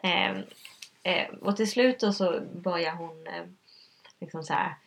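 A woman with a low, gravelly voice recounts a personal story in an interview. Her tone is husky and a little rough, and she talks hesitantly with many fillers, earnest throughout. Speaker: guest.

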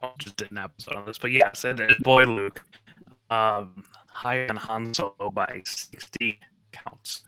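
A man's voice: lowish voice, fairly even intonation, unhurried, bright, forceful tone, clean tone, low-quality recording. A man co-hosting a casual podcast chat over a video call, his audio breaking up and cutting in and out. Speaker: podcast co-host. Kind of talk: casual chat about a tabletop miniatures game.

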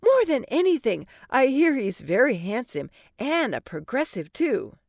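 A woman's voice: sing-song, a little slow, no echo, studio quality, exaggerated voice. A woman voicing Cinderella, a naive and eager young woman who sounds sweetly dim. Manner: high, wide-eyed and sweetly dim.

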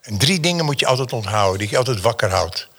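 Man, painter guest on an interview, animated storyteller, emphatic repetitions, bright tense tone. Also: mid-range voice, fast. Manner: theatrical and emphatic, repeats phrases for effect.

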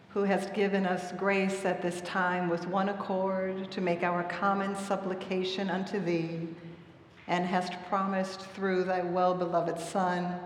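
An officiant intoning evening prayers in slow, steady chant, heard with a heavy cathedral echo. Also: mid-range voice. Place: large stone cathedral. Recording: very reverberant cathedral recording.

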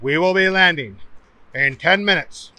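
Storybook casting: a calm ship computer, voiced by a male narrator; slow, even and high, close and dry. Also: dry recording, exaggerated voice. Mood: calm announcing. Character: calm, slow-talking spaceship computer on the intercom. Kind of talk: storybook read-aloud.

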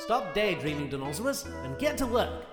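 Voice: mid-range voice, big pitch swings, a little fast, natural voice. A performer voicing an unearthly, disembodied dream spirit that gives stern yet encouraging reminders in a fantasy audio story. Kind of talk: scripted fantasy audio drama. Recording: echoing long reverb, music behind. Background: music.

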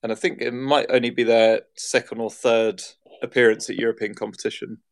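A man's voice: medium pitch, level tone, fairly quick. A man hosting a podcast, introducing the episode in a loose, rambling way with uhs and restarts. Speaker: podcast host. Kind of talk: casual chat.

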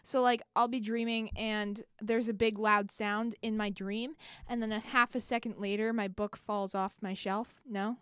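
A young woman co-hosting a casual podcast, chatty and full of fillers, who gets excited while retelling a story. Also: medium pitch, normal speed, clean tone, no room sound, studio quality. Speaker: podcast co-host. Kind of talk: casual chat.

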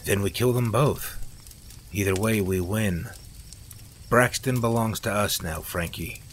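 A man's voice: fairly low pitch, measured pace, slight background noise, lightly acted. A man voicing a ruthless, greedy ringleader who talks in a cold, calculating way. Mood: scheming.

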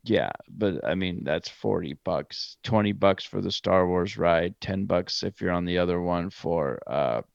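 A man's voice: sits low, a little slow, gravelly, hardly any pauses, no room sound, muffled recording. A man co-hosting a podcast, telling a rambling trip story in casual chat and correcting himself as he goes. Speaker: podcast co-host.

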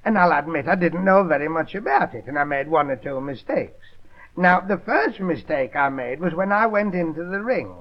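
A man telling a comic monologue in a rambling, mock-polite way. His voice is fairly high and bounces up and down, heard on a dull lo-fi 1930s record. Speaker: comedian.

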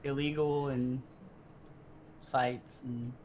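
A man's voice: mid-range voice, flat delivery, extremely slow, a little mellow, a little hiss or hum, poor audio. A young American man chatting casually as a podcast co-host, joking in frat-bro slang. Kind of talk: casual chat.

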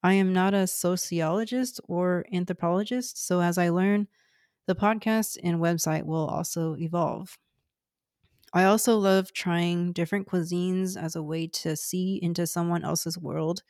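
A Cantonese-speaking woman in her thirties from Houston, Texas, hosts a podcast and reads its scripted introduction in an earnest, measured manner. Her voice is low for a woman, a little mellow, with fairly even intonation. The recording is close and dry, without any room sound.

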